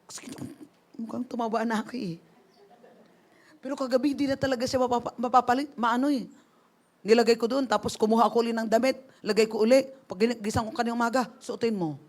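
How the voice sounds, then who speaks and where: A woman pastor preaching a conversational sermon, swinging between loud emphasis and quiet, confiding asides. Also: fairly high pitch, steady tone, quick pace. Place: church service.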